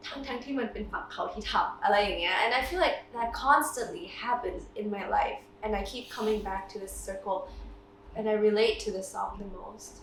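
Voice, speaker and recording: A woman's voice: medium pitch, rapid-fire, creaky, a bit bright, recorded from a distance, a little hiss or hum. A woman in her twenties, a singer-songwriter, chatting casually in an interview, laughing often and mixing in a few Thai words. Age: 20s. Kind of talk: relaxed interview talk. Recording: roomy, mic set back, music behind.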